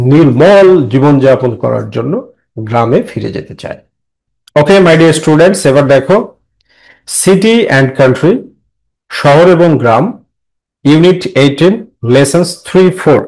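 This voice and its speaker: A young man teaching an English lesson in Bengali, slowing down to read the English lines aloud and explaining each word. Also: medium pitch, darkish tone, poor audio. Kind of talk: classroom lesson explaining a textbook poem.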